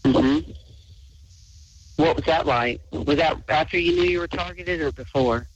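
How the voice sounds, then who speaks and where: A man's voice: a little high, unhurried, slight background noise. A man hosting a late-night call-in chat, talking in a rambling way with many restarts. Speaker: host. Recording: dull lo-fi audio.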